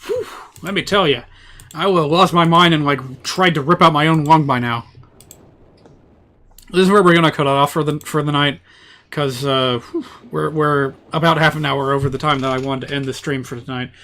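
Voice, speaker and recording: A man's voice: on the high side, moderate pace, bright, forceful tone. A man doing casual live game commentary as a streamer, in a wry, rambling way.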